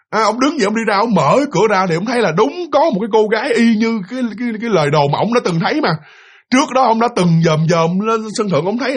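A man tells a ghost story at a rapid clip, his voice sitting high and a little husky. He repeats words in his excitement and slips into the characters' lines as he goes. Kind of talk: spoken ghost story narration.

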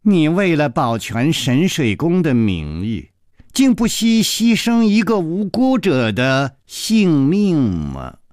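A calm, clever male hero from a radio story, wry and bantering, his lively pitch lifting a little above the teller's own voice, as a male storyteller plays him. The delivery is unhurried, heard close and dry. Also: no echo, full character voice.

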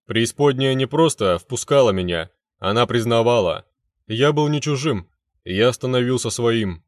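Man, fantasy audiobook narrator, intense, dramatic, mid pitch, dry close sound. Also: dry recording.

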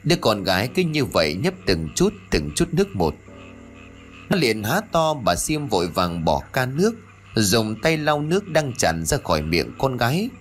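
A man narrating a ghost story in a dramatic, expressive way. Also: medium pitch, normal speed. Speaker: audiobook narrator. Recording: soft background music.

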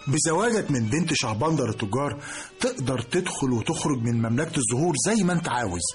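A man playing a brisk, formal prince with an Egyptian accent in a radio drama. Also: medium pitch, very animated, faint music behind, natural voice. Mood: congratulatory. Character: brisk, formal prince, king's son bearing news.

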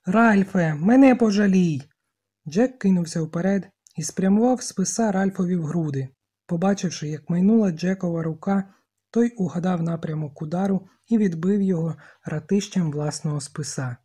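Audiobook reader, steady measured narration, soft husky warm voice. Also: mid-range voice. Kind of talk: scripted narration.

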